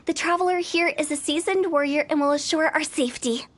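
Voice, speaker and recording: A woman's voice: high voice, steady tone, fairly quick, close to an everyday voice. A woman voicing a quirky, playful young funeral parlor director in a video game, theatrical and chatty. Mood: explaining, breezy. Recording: music behind the voice.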